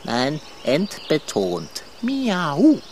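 A man's voice: high voice, big pitch swings, a little slow, a bit bright, a little hiss or hum, exaggerated voice. A man voicing a pompous, sarcastic tomcat in a radio play, speaking in stilted old-fashioned phrases. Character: pompous male tomcat, dry and condescending.

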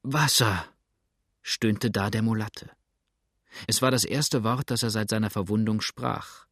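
A man narrating an audiobook in a steady, measured reading style. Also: on the low side, no echo, studio quality.

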